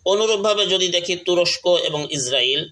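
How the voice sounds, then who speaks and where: A man's voice: high-pitched, expressive, a little fast, bright, forceful tone, low-quality recording. A man giving an earnest talk straight to his viewers, stumbling over words now and then and stressing each example as he lists it. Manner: earnest, speaks with restarts and stammered words. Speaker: speaker of an online channel. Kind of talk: direct-to-camera political talk.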